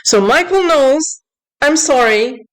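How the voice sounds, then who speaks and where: An online commentator with a high, expressive voice speaks a little slowly in a low-quality recording. Her unscripted news commentary is upset, insistent and corrective, and she shifts between English and French as she reads aloud.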